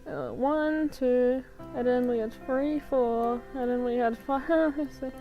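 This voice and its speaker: A young woman streaming a game live, muttering to herself and then shrieking in panic and excitement at the screen. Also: fairly high pitch, slow, muffled recording, soft background music. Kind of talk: live gaming stream commentary.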